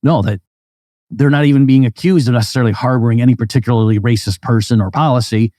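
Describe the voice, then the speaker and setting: A man's voice: medium pitch, fast talker, dark tone, no echo, studio quality. A man hosting a podcast, making his case in a loose, conversational explanatory monologue and often stopping to fill in with "like" and "you know.". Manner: conversational, acts out hypothetical back-and-forth arguments. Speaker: podcast host.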